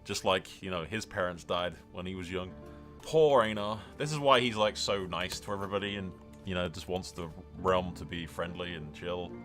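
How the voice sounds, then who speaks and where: A gaming channel host with a deep, fairly bright voice rambles casually through his commentary, tossing sweary, jokey asides to his audience.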